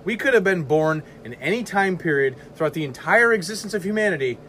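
A man with a slightly high voice talks in a frat-bro way, loose and full of swearing. He sounds like he is chatting sports with his buddies. There is some noise behind him. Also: lively intonation, fast, sharp tone. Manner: frat-bro manner, heavy swearing, lots of dude and bro. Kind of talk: casual sports chat with friends.

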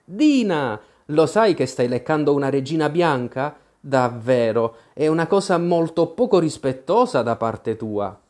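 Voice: medium pitch, lively intonation, unhurried, few pauses, a little mellow, close to an everyday voice. A storyteller voicing an eager, imaginative little girl in an audiobook, talking fondly and with a lilting lift. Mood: chattering fondly.

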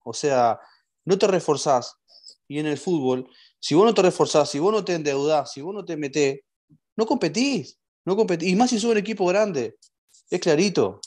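Uruguayan man explaining, slightly high voice. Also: lively intonation, normal speed, darkish tone. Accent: Uruguayan Spanish. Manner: reasoned, explanatory, repeats phrases. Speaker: podcast panelist. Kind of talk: football analysis chat.

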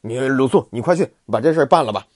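A man voicing a quick-tempered male ruler in a told classic tale, scolding loudly and impatiently. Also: sits high, sing-song, dry recording, clean studio sound, pitched above the performer's own voice, full character voice. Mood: angry.

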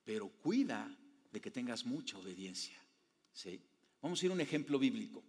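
A male pastor preaching a sermon, often putting rhetorical questions to the congregation and swinging between hushed low phrases and loud emphatic ones. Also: sing-song, normal speed. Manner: asks the audience frequent rhetorical questions. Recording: long hall reverb.

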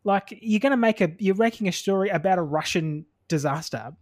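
A man co-hosting a podcast, talking in a casual review chat, animated and opinionated, acting out quotes as he argues. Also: high-pitched, brisk. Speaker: podcast co-host.

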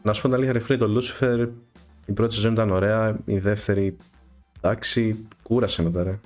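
A man, co-hosting a casual podcast chat in a relaxed, slangy manner. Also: fairly low pitch, faint music behind. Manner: relaxed, slangy, short interjections. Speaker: podcast co-host.

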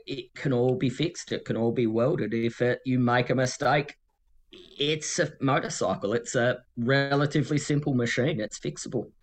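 A man with a Tasmanian Australian accent chatting casually as an interview guest, rambling and self-deprecating. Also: mid-range voice.

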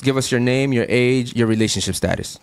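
A man's voice: mid-range voice, creaky, clean tone, no room sound. A man hosting a casual podcast chat, brash and profane, firing off questions to guests. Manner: brash, profane, rapid-fire. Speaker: podcast host. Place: Miami studio.

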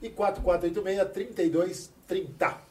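Playful high-voiced man giving shout-outs. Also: fairly even intonation, normal speed, recorded from a distance, slight background noise. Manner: playful, reads out sponsor details. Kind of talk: casual sponsor shout-outs.

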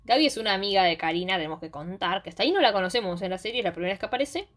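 A young woman with a Rioplatense Spanish accent, recapping a series in casual chat with quick, slangy storytelling. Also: medium pitch, expressive, fairly bright tone. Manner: fast slangy storytelling, acts out characters' lines.

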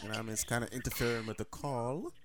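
A man hosting a live call-in podcast, talking in a loose, excitable, slangy, rambling way. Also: mid-range voice, rapid-fire. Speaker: podcast host. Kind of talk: casual live call-in chat.

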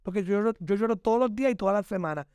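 High-voiced emphatic man. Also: expressive, rapid-fire, a little mellow, clean tone, no echo. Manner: emphatic, preachy, dramatic, addresses listener as "mi amor". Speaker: podcast guest, entertainer. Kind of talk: motivational podcast conversation.

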